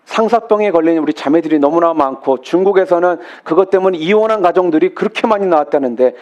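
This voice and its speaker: A middle-aged man preaches to his congregation in a high voice. His pitch rises and falls widely as he asks questions and stretches important words. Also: lively intonation, a little mellow, highs cut off. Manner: slows and stretches key words for emphasis. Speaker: pastor. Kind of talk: sermon.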